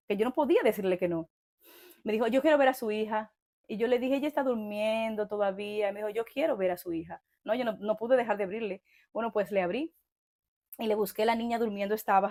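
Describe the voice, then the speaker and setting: A woman's voice: mid-range voice, a little mellow. Fervent woman sharing her faith testimony. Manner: fervent, with frequent tag questions; reads scripture slowly and emphatically. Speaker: church member giving testimony.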